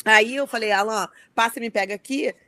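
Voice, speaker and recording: A woman's voice: on the high side, brisk, sharp tone, dry recording. A woman telling an emotional story in casual chat.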